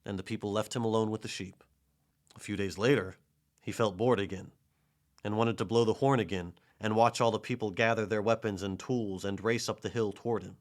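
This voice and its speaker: A man narrating a children's storybook in a gentle, measured way. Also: on the low side, steady tone. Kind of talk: storybook reading.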